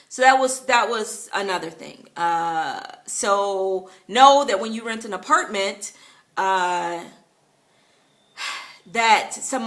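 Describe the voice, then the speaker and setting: A woman's voice: medium pitch, fairly bright tone. A woman chatting to camera about her early days living abroad, storytelling casually with lots of fillers and the odd laugh. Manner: chatty, many fillers, laughs while telling. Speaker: vlogger.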